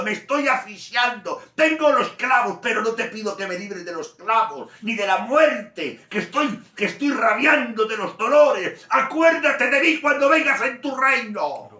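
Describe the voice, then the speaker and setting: A man voicing a repentant thief dying on a cross, strained and crying out loudly, in a sermon. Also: very high voice, sing-song, measured pace, hardly any pauses, voice pushed up, exaggerated voice. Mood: pleading. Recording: roomy echo from a distant mic.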